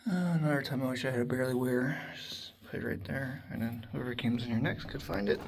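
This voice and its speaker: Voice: mid-range voice, fast talker, vocal fry, breathy edge. An American vlogger chatting casually and swearing a little while filming inside a small cave on a handheld camera. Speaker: hiking vlogger. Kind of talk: casual vlog chat, talking to the camera while exploring.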